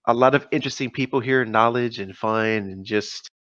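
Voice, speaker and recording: A man's voice: medium pitch, moderate pace, fairly bright tone, dry recording, highs cut off. A man co-hosting a gaming podcast in casual chat, rambling with many fillers and laughs. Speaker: podcast co-host.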